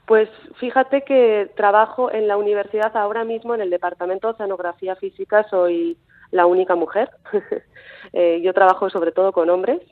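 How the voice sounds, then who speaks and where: A coastal researcher in her thirties, born in the Basque Country, speaks Spanish with a Mexican tinge during a phone interview heard over a tinny line. Her mid-range voice stays fairly even at a normal speed, and she hesitates, using many fillers and restarts.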